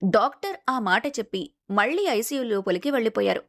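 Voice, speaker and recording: A woman narrating a scripted family drama in a steady storytelling manner. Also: on the high side, moderate pace.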